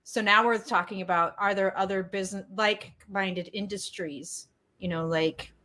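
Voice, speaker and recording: Woman, podcast co-host, chatty, casual storytelling, mid-pitched voice. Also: fairly even intonation, normal speed, sharp tone. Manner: chatty storyteller, laughs easily.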